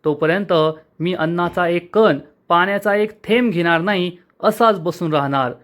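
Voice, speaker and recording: Stubborn scheming young husband, insistent, pleading, high voice, read by a man. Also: moderate pace, a bit bright.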